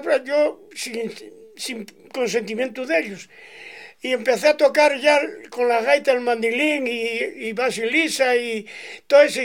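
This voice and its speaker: A man's voice: very high voice, fairly bright tone. A man in his nineties with an Asturian accent, a bagpiper telling long, meandering stories from his life to an interviewer. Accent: Asturian Spanish. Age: 90s. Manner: meandering, folksy, acts out voices in his stories. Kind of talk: rambling oral-history storytelling.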